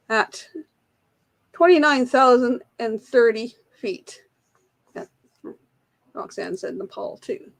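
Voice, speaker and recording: A woman hosting a casual live trivia quiz, reading questions aloud and chatting with viewers in the chat. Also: fairly high pitch. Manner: reads questions aloud, greets and answers chat viewers, laughs at herself. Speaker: trivia livestream host.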